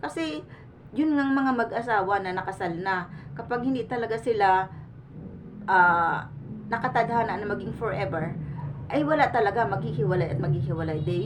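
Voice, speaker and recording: A woman talking casually to her viewers, earnest and pleading, restarting her sentences often and sweating in the heat. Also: medium pitch. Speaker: vlogger. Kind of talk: casual reaction commentary to the camera. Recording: distant mic with faint room noise.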